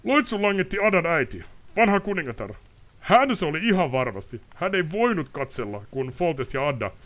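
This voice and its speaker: A man reading aloud and voicing a furious, frightened nobleman in a high, loud, ranting voice. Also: big pitch swings. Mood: pleading. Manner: shouting, ranting, pleading. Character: furious panicking male nobleman.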